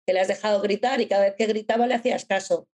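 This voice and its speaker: A middle-aged woman with a mid-range voice, talking in a relaxed, conversational way. She explains her points through everyday examples and now and then speaks in the voice of a harsh inner critic. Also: medium pitch, racing. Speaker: guest speaker. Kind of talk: casual conversation.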